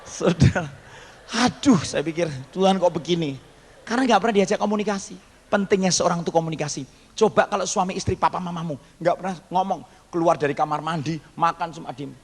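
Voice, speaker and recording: Dramatic storytelling preacher in an echoing hall. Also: male voice, sits high, quick pace. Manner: dramatic, acts out quoted voices, jokes with the congregation. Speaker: pastor. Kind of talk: storytelling sermon. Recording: long hall reverb, faint background noise.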